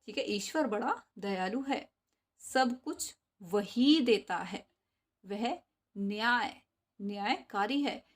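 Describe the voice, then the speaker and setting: A woman teacher who sings a poem, then explains spelling slowly, repeating each word syllable by syllable. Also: medium pitch, lively intonation. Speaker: school teacher.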